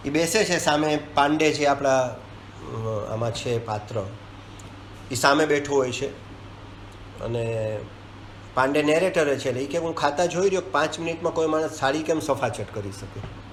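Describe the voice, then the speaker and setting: A man's voice: on the high side, normal speed. A man reviewing a film, retelling its scenes in casual talk and acting out the lines. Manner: animated storytelling, acting out dialogue lines. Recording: echoey room with faint ambient hiss.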